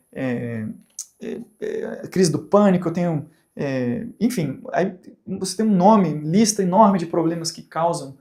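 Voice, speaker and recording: A Brazilian man with a mellow, slightly high voice and a Brazilian Portuguese accent gives a recorded teaching talk. He keeps it conversational, posing rhetorical questions and acting out examples.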